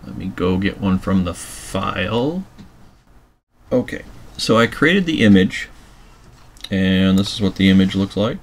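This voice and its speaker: A man calmly walking through a website editing tutorial step by step, with keyboard typing behind him. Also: low voice, measured pace, pauses often. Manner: calm step-by-step explaining while working. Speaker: tutorial presenter. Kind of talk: screencast software tutorial.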